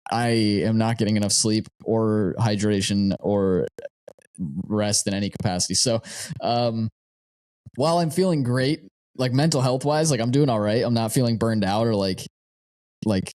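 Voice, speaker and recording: A man's voice: on the low side, expressive, moderate pace, a little mellow. A man co-hosting a casual podcast, talking in an easygoing, earnest way and wrapping up the show. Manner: easygoing, earnest, many "um" fillers. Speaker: podcast co-host. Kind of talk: casual podcast chat and outro.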